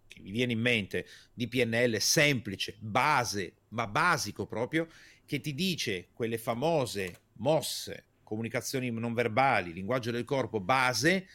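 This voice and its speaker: A man's voice: mid-range voice, no room sound. Emphatic man explaining on a podcast. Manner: emphatic, animated delivery with repeated key words and rhetorical questions; gestures while speaking, energetic. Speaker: communication coach, podcast guest.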